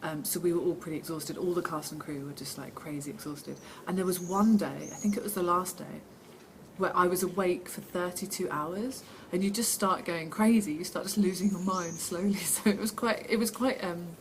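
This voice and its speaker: An actress with a fairly low voice answers interview questions casually and chattily at a normal pace, poking fun at herself and reading the questions aloud on her own. Steady noise hums in the background.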